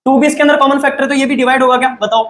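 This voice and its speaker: High-voiced quizzing maths teacher, echoey room. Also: male voice, steady tone, fairly bright tone. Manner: keeps firing quick questions at students, urging fast answers; mixes English maths terms into Hindi. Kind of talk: classroom-style maths lesson.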